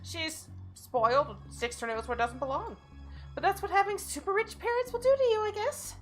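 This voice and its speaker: A snooty and suspicious nanny from an adventure game, acted out by a woman, pitched high and haughty, protesting too much. Faint music plays behind. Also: normal speed, fairly bright tone, rough recording. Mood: disdainful. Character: snooty, shifty nanny protesting her innocence.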